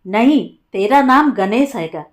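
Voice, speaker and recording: A woman voicing a stern, old-fashioned village mother-in-law who scolds in rustic speech, with a slow, higher voice. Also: expressive. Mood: bossy. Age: older.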